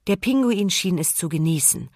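A woman reading a children's audiobook aloud, calm and expressive. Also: lowish voice, moderate pace, dry recording, studio quality. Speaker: narrator.

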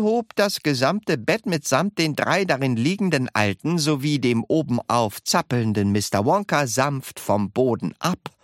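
An audiobook reader narrating a children's story in an unhurried, expressive way. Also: mid-range voice, no room sound, clean studio sound.

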